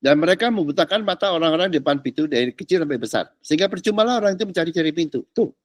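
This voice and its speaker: A middle-aged man preaches a discipleship lesson with a high, very animated voice that jumps all over its range. He teases his listeners and fires rhetorical questions, swinging from loud bursts to quiet asides. The sound is close and dry, with no room echo. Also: very fast. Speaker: pastor. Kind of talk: animated sermon teaching. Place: church classroom.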